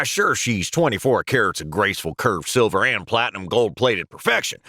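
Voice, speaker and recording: Stan, a gravelly teasing old-hand pen. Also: male voice, mid-range voice, sharp tone, no echo, clean studio sound, heavily acted. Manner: jokey, calls others lad and laddie. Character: older male pen, calm, teasing office mentor. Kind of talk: animated cartoon voice acting.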